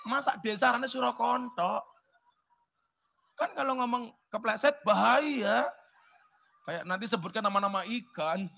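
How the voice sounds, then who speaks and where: A man's voice: very high-pitched, unhurried, gravelly, long pauses, bright, forceful tone. A man with a Javanese accent giving a humorous sermon, joking and chatting with the audience. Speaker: preacher. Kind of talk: humorous sermon to a village crowd.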